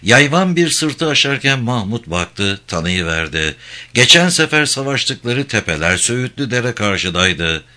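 Brief: male audiobook narrator, steady delivery, forceful bright tone. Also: mid-range voice, a little slow. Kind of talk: scripted narration of a war novel.

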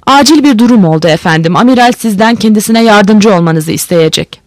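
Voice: mid-range voice, lively intonation, brisk, no room sound, lightly acted. A reader voicing a male navy boat captain who gives curt orders and speaks formally.

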